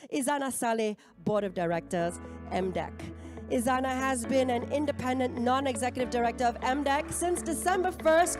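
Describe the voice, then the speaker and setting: A slightly croaky woman emcees a conference in a lively announcer's manner. Her voice sits a bit high, and it is close and dry on the mic, with soft music under it. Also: no room sound. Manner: upbeat, announcer-like, addresses the audience directly. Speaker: event emcee. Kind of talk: formal event hosting. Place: conference hall.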